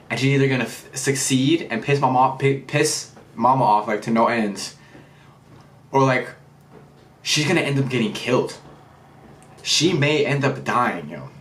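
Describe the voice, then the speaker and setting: A young man gives a casual, excitable chat review, full of slang and the odd curse word. His voice sits at an ordinary pitch, and a roomy echo surrounds him. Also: moderate pace. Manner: slangy, excitable, swears freely. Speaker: anime and manga reviewer.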